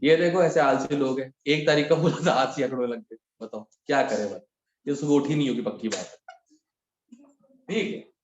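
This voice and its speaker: A man's voice: mid-range voice, normal speed. A man in his thirties teaching a chemistry class, chatting and teasing his students, mixing English words into his talk. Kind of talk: joking classroom lecture. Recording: echoey room, dull lo-fi sound.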